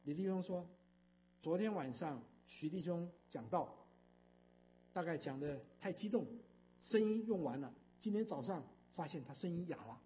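An older man giving a church testimony as a storytelling sermon, emphatic and animated, with frequent fillers. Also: a little high, normal speed, slight background noise.

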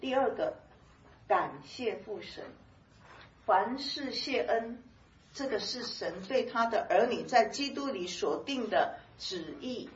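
A woman gives an informal Bible teaching in a fairly high voice, chatty and animated, laughing often between her points. She sounds distant from the microphone, in a roomy, echoing space. The recording is muffled and dull. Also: slow pace, a little hiss or hum. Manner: lively, chatty, laughs often, many soft filler particles. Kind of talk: conversational sermon teaching.

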